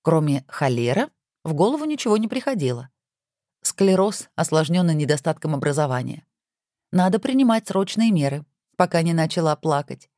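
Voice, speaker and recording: Woman audiobook narrator, low voice, dry close sound, very expressive. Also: moderate pace, no echo.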